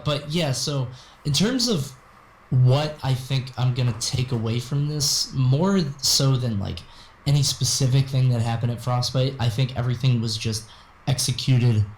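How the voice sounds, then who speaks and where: Tired hoarse guy w raspy smoker voice, casual commentator chat kept low and easy, roomy mic with a bit of noise. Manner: restrained, keeping his voice low and easy. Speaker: guest co-host, esports commentator. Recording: roomy, faint background noise.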